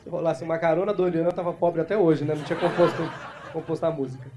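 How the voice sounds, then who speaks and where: A man from Brazil doing improvised stand-up crowd work, talking fast and teasing the audience on a club stage. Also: a little high, level tone. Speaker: stand-up comedian. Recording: live club recording with audible crowd noise.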